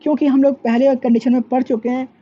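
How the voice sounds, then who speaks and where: A woman lectures on physics to a class, posing questions and answering them herself while sprinkling in English terms. She talks fast in a high, level voice. The lo-fi recording sounds dull, with faint noise in the background.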